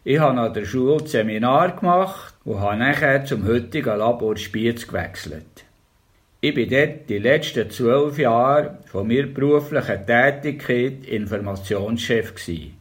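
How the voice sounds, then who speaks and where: An older Swiss storyteller from the Bernese Oberland reads his memoirs and tales in dialect, his Bernese German accent evident. His mid-range voice moves at a measured, calm pace.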